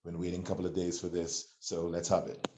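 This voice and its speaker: Deep mellow man on a dull call line. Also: monotone. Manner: measured, many "uh" pauses. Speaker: speaker giving opening remarks. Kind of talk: formal thank-you remarks.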